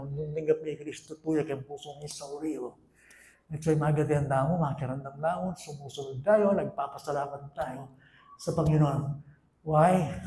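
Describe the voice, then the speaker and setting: A man with a Filipino accent, a pastor preaching a sermon in a church, moving between loud questions and hushed lines, mixing in English. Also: high voice. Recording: echoey room.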